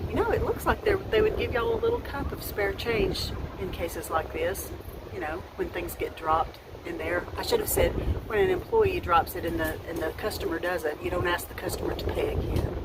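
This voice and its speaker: Her voice is on the low side at a moderate pace, and the recording is very noisy. She is a US thrift haul vlogger in her fifties, casually discussing her finds from home in a rambling style with frequent restarts.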